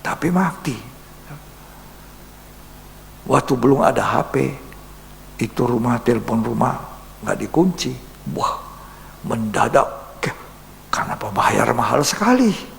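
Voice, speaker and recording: Gravelly pastor with a lilt. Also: male voice, medium pitch, animated, measured pace, long pauses. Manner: earnest, acts out dialogue, drops to soft whispers. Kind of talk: sermon storytelling. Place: church. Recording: long church reverb, faint hum.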